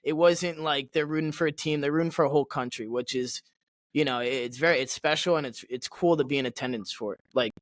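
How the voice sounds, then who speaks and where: A man's voice: a little high, fast talker, dry recording, studio quality. A young man co-hosting a hockey podcast, bantering and joking with friends in casual chat. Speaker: podcast co-host.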